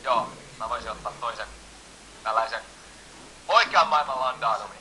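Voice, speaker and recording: A woman's voice: very deep voice, pushed and bright, slight background noise, rough recording. A young woman playing a horror game while chatting casually, swearing constantly and yelping when startled. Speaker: game player. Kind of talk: casual let's-play commentary.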